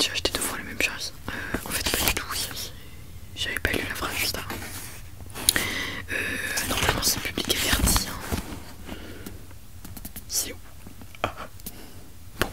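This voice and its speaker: A woman presents books in a hushed ASMR library whisper, chatty and rambling with self-mocking asides. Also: normal speed, long pauses. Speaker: ASMR video creator.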